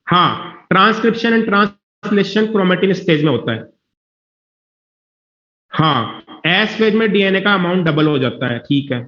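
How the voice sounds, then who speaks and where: A man's voice: high-pitched, expressive, slow pace, pauses often, sharp tone. Reassuring man teaching in an echoey classroom. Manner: reassuring, repeats himself, checks whether students follow. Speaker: biology teacher. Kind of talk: classroom lecture. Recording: dull, echoey classroom recording.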